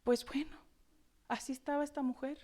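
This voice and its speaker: A woman preacher delivering a Sunday sermon with expressive, dramatic rhetorical questions. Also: high-pitched, normal speed.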